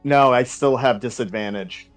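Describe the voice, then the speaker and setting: Man at a tabletop game, medium pitch. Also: moderate pace. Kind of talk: casual chat. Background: faint music.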